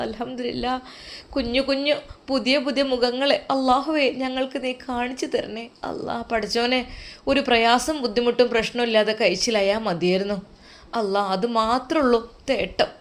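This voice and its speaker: A woman's voice: on the high side, close to an everyday voice. A woman with a Malappuram accent voicing a fussy, pious older mother who dotes on her children and gives worried advice. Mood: prayerful. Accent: Malappuram Malayalam. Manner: doting, endearments, worried advice.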